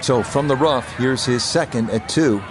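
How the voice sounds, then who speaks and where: A man's voice: medium pitch, normal speed, noisy background, lightly acted. A man giving golf commentary as the play-by-play anchor of a televised-style game broadcast, with a polished announcer delivery.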